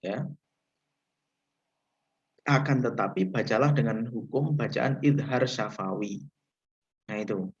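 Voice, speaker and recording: A man from Indonesia teaching Quran recitation rules in a livestreamed lesson, patient and repetitive, saying "ya" after nearly every phrase and drawing out the recited Arabic examples slowly. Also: medium pitch, highs cut off. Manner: slow, patient, repeats points with frequent "ya".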